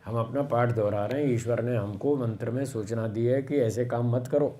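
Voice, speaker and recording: Slow, explanatory man with a mellow voice. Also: medium pitch. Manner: slow, explanatory, repeats phrases for emphasis. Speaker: swami giving a Vedic discourse. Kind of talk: sermon.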